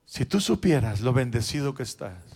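A man preaching a sermon as pastor in a church, turning from shouted exhortation to quiet, personal words to his flock. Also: medium pitch, very animated, normal speed, creaky, a little hiss or hum. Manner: swings between shouted exhortation and quiet, intimate asides; addresses the congregation directly and personally. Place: church sanctuary.

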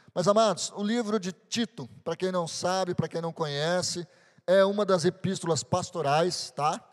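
A male pastor preaching and telling a story with lively acted-out dialogue. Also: sits high. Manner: animated storyteller, acts out the dialogue. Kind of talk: sermon with storytelling. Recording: long hall reverb.

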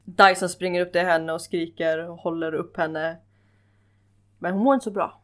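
A woman in casual chat, telling a story in a lively, informal way. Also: on the low side.

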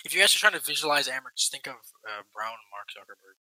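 A man's voice: mid-range voice, lively intonation, quick pace, bright, forceful tone, rough recording. A young man joking around with friends in a casual chat, teasing them and laughing often.

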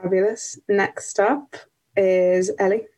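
Young english woman running a panel, brisk and upbeat. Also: mid-range voice, steady tone, darkish tone, rough recording. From England. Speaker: panel host. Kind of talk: moderating a panel discussion.

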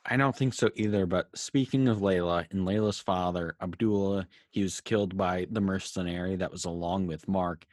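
A man's voice: deep voice, steady tone, normal speed, few pauses, a little mellow, no echo, clean studio sound. A man co-hosting a podcast, chatting casually and posing questions with frequent filler words. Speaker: podcast co-host. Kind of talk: casual chat.

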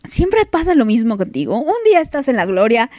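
A woman hosts a casual music show, her voice sitting a little high. She teases and mock-scolds her listeners and laughs often. The recording is dry and close, with no room echo. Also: big pitch swings, brisk, darkish tone. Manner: playful, teasing, laughs often, mock outrage. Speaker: podcast host. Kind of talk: casual music podcast chat.

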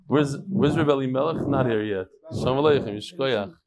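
A man's voice: medium pitch, a little fast, background noise. A mature man, a rabbi teaching a Talmud class in an informal, conversational way, posing questions and answering them himself. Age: middle-aged or older. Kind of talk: informal lecture with chatty asides.

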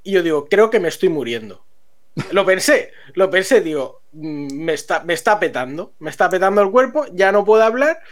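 A man tells a story to friends on a stream. He is animated and laughs often as the tale unfolds. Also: high voice, normal speed.

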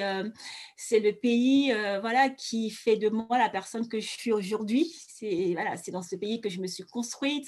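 A woman's voice: mid-range voice, a little mellow. A woman from Cameroon, a guest in a casual interview, speaking earnestly and searching for her words. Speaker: interview guest, former flight attendant.

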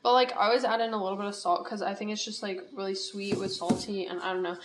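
A woman's voice: mid-range voice, fairly even intonation, fast, slight background noise. A young woman casually talking through a recipe in her home kitchen, rambling and poking fun at herself. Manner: rambling, chatty, self-deprecating. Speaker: podcast host. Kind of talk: casual cooking talk.

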